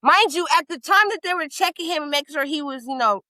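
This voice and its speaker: A woman's voice: high voice, fast talker, no room sound, poor audio. A woman co-hosting a casual podcast, telling a story with lots of profanity and acting out the people in it. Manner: animated storytelling, profane, acts out quotes. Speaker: podcast co-host. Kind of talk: casual chat.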